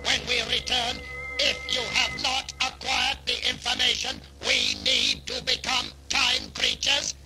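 A man's voice: very high voice, flat delivery, a little slow, loud music behind the voice, poor audio. A man playing a ruthless alien cyborg Dalek, barking staccato orders through a ring-modulated robot effect in a sci-fi audio drama. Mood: menacing. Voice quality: grating, metallic, staccato.

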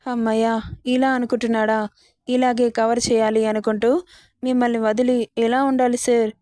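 A woman narrating a romance serial, reading all the dialogue herself in an even storytelling manner. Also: a little high, moderate pace, no echo, studio quality.

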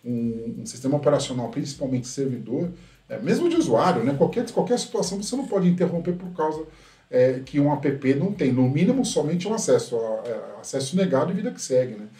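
A man's voice: mid-range voice, sing-song, brisk, warm tone. A man hosts a casual tech commentary. He is critical and keeps tagging his sentences with a questioning "right?". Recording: roomy echo from a distant mic.

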